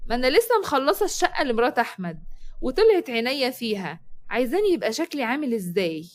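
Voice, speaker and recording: A woman's voice: a little high, very animated, fast. A woman doing a bitter, tired Egyptian daughter. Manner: bitter, sarcastic. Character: weary, put-upon unmarried daughter.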